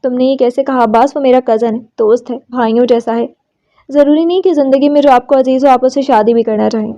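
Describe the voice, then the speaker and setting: A woman's voice: high-pitched, mellow, natural voice. A woman reading a hurt, pleading young heroine. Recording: slightly dull lo-fi recording.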